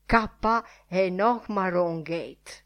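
Woman reading as an excitable old newspaper editor guy, pushy and emphatic, lowish voice. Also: very slow. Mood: excited. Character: excitable blustering older male newspaper editor.

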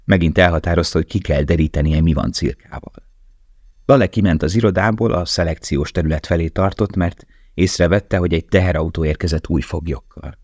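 A male narrator reads an audiobook in a calm, measured way. His voice is deep and low, and the sound is dry, with no room sound around it. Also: husky, no echo. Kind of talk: scripted narration.

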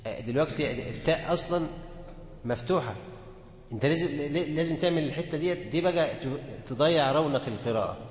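A man's voice: on the high side, a little fast. A man with an Egyptian accent teaching a class on Quran recitation, asking his students questions and answering them himself. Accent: Egyptian Arabic. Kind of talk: classroom lesson on tajweed. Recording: echoey hall with long reverb.

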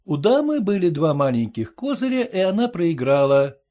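A man reading a classic story aloud in a steady, measured narrating voice. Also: high voice. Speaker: reader.

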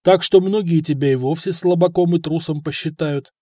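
A man voicing a serious older boyar who speaks gravely to a young recruit. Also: a little high, dark tone, no echo, studio quality, natural voice. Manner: grave and measured.

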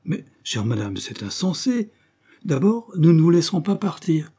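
A man's voice: fairly high pitch, very animated, normal speed, mellow, husky, voice pushed up. A man reading the part of a cheerful, exclamatory male painter full of plans. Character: jovial, lively male painter, host friend.

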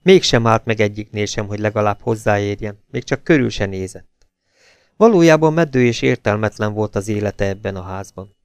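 A man reading a novel aloud in a steady, even audiobook narration. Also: lowish voice, clean tone, no echo, studio quality. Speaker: audiobook reader.

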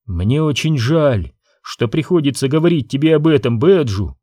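A man's voice: medium pitch, moderate pace, dry recording, studio quality, close to an everyday voice. Man reading a frail, sorrowful queen. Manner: quiet, calm, pleading. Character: frail sick queen mother, calm and sorrowful.

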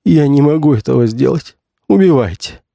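A man's voice: lively intonation, moderate pace, gravelly, mellow, dry recording, studio quality. A man playing a terrified cornered actor. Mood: pleading. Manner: stammering, pleading, strained high. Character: frightened cornered male actor.

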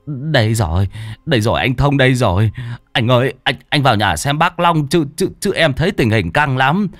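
A man's voice: medium pitch, lively intonation, normal speed, no echo, voice pushed up, lightly acted. A man voicing a coarse, lame young village man, stammering and cursing. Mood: flustered.

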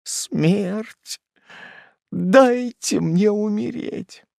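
A man's voice: high-pitched, slow pace, vocal fry, dry recording, studio quality, pitched above the performer's own voice, heavily acted. A man reading an audiobook and voicing a desperate, grief-stricken widowed mother in frantic, pleading cries. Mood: despairing.

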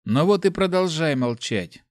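Man doing a high, sneering male spirit, storybook villain, taunting and merciless. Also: sing-song, moderate pace, bright, forceful tone, no room sound, clean studio sound, heavily acted. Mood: mocking. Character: mocking male spirit voice inside a head.

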